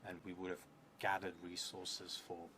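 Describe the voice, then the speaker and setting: With a low voice and completely flat delivery at normal speed, a thirtysomething solo tabletop player and streamer improvises his game's story out loud. He hesitates and muses, frequently trailing off, seated indoors at a table in a theatre room on a clearly noisy recording.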